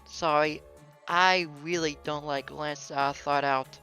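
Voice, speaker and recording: A man's voice: fairly high pitch, fairly even intonation, a little slow, bright, forceful tone, faint music behind. A man reading a scripted rebuttal as a commentator responding to a video.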